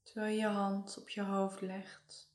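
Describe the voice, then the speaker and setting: A woman narrates a guided meditation at a slow, unhurried pace. Her delivery is soothing and hushed, with very little rise or fall in pitch. The voice sits in a noticeably echoey room. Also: completely flat delivery.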